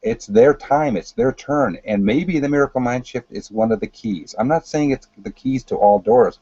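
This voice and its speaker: Calm earnest guy talking spiritual stuff, husky voice, repeats himself, muffled dry audio. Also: medium pitch, normal speed, dry recording. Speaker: spiritual teacher. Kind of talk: unscripted spiritual talk.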